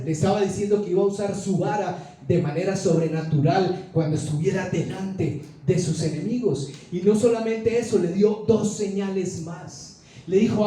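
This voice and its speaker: A Colombian man preaches in a storytelling way, acting out the voices in the scripture. His voice sits high but sounds dark and soft. It rings through an echoey church hall, picked up from a distance. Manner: storytelling, acting out quoted dialogue. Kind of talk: sermon. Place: church sanctuary. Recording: echoey church hall, speaker away from mic.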